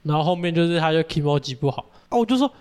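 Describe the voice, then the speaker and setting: A man's voice: on the high side, animated, very fast, a little mellow. A man co-hosting a casual podcast, teasing and chiming in as he chats. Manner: teasing, laughs along, chimes in. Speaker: podcast co-host.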